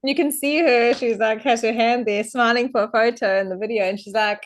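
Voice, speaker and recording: A woman's voice: brisk, slight background noise. A young adult woman, a guest on a podcast, telling a story in casual chat and acting out what people said with big leaps in her voice. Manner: animated storyteller, acts out quotes with big pitch jumps.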